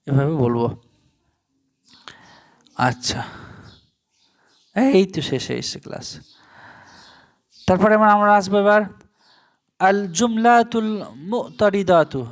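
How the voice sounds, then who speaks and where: High-voiced man teaching Arabic grammar. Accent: Bangladeshi Bengali. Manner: explains step by step, slowly spelling out Arabic terms. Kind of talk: online grammar lesson.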